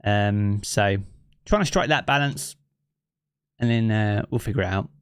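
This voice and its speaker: Sitting in his living room, a southeast English game streamer with a local accent talks easygoingly to his live-stream viewers, reading their chat aloud and filling his thinking-aloud with many fillers. His voice is on the low side, a little slow and clean in tone, recorded on a streaming mic with effects, clean studio sound and no echo.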